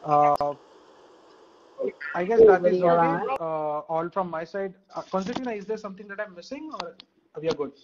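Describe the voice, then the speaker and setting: A man giving a status update in an online meeting, pausing often with fillers. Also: sits high, crowd noise. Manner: hesitant, many fillers. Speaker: project contributor giving an update. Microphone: video call. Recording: dull lo-fi audio.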